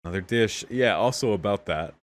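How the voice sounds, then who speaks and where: A man's voice: lowish voice, animated, a little fast. A young man hosting a casual anime reaction, exclaiming candidly, often laughing and swearing. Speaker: anime reaction channel host.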